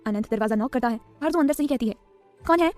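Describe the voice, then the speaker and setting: A woman's voice: a little high, rapid-fire, warm tone, faint music behind. A woman narrating an audiobook story.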